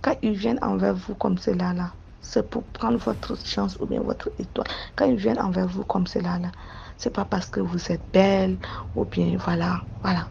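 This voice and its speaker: A woman's voice: medium pitch, fairly even intonation, moderate pace, gravelly, darkish tone, lo-fi sound, slight background noise. A woman telling a personal story in a casual way, speaking earnestly and repeating phrases as she warns her listeners. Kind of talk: casual spoken testimony.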